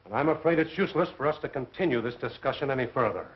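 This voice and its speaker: A man's voice: medium pitch, expressive, close to an everyday voice. Man as a stern professor on muffled film audio. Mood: stern, indignant. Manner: formal, measured, indignant. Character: stern, skeptical male professor, dignified and disapproving. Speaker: film actor. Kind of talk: old horror film acting. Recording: muffled old film soundtrack.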